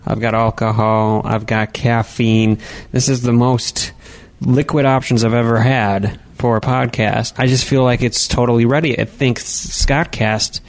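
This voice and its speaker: A man's voice: mid-range voice, steady tone, a little slow, hardly any pauses. A young man hosting a casual comedy podcast into a studio microphone, rambling and joking with mock exasperation. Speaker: podcast host.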